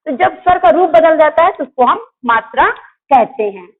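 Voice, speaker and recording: A woman's voice: high voice, animated, normal speed. A woman teaching a Hindi grammar class online to children. She asks the class questions and answers them herself, and she stops to correct her own slips. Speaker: school teacher. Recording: tinny phone-like audio.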